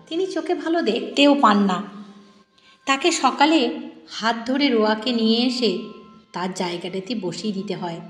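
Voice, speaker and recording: Slow, expressive woman storyteller, slightly high voice, long hall echo, faint music behind. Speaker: narrator. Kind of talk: storytelling narration.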